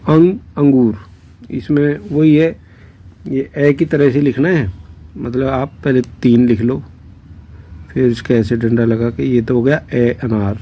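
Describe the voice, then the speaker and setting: A man's voice: medium pitch, steady tone, unhurried, dark tone. A man with a Haryanvi accent casually teaching letters step by step, patient, with chatty asides. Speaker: Hindi script teacher. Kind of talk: casual explaining lesson.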